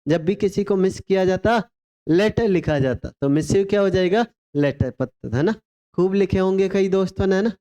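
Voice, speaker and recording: A man's voice: sits high, normal speed, dark tone, smooth. A man teaching an exam vocabulary lesson, spelling words out letter by letter and asking questions that he answers himself. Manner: call-and-response drilling, spells words letter by letter; asks rhetorical questions then answers them. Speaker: English teacher.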